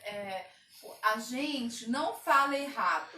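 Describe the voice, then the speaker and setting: A woman with a Minas Gerais accent chimes in with short, matter-of-fact remarks in a casual chat. Her voice sits quite high. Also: lively intonation, slow pace, crowd noise. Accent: Minas Gerais Portuguese. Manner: brief, matter-of-fact interjections. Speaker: co-host.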